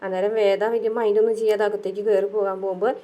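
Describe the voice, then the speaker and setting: Woman, chatty serial recapper, quick delivery, mellow darker tone, lots of fillers. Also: mid-range voice, little pitch movement. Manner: chatty, tags sentences with "ട്ടോ", many fillers. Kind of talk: casual retelling of a TV serial episode.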